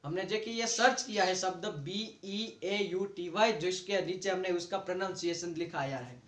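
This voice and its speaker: Indian male tutor, high voice, patient explainer, echoey room. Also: a bit bright. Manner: patient, repeats words slowly to model sounds. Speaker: teacher. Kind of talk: online lesson explaining dictionary pronunciation.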